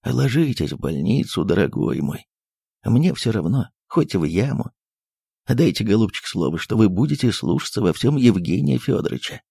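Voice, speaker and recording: A man voicing a fussy, sentimental elderly postmaster who speaks low and coaxingly, dropping into whispers. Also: sing-song, normal speed, gravelly, mellow, breathy edge, no echo, studio quality, heavily acted. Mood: coaxing tender.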